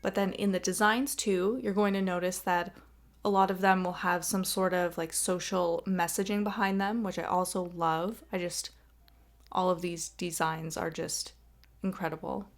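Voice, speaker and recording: A woman's voice: lowish voice, steady tone, normal speed. Bubbly Canadian woman vlogger. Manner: bubbly, chatty, self-deprecating. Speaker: game video host. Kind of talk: casual chat over gameplay.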